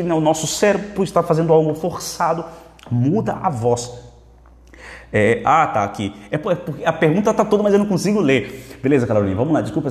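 Energetic Brazilian man teaching, echoey room. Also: fairly high pitch. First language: Portuguese. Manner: reads viewer questions aloud, repeats phrases, energetic. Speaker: Spanish teacher. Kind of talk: live Q&A lesson. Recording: echoey room with long reverb.

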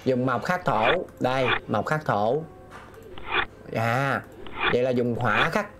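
A man's voice: medium pitch, slow pace, over loud music. A man streaming a game, talking himself through puzzles and reading viewers' messages aloud. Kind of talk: live gameplay commentary.

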